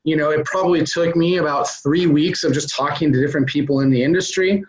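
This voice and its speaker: A man interviewed as a real estate investor explains business ideas conversationally, going step by step with many "um" and "uh" fillers. His voice is fairly high with a steady tone and a quick pace, on a dull lo-fi recording.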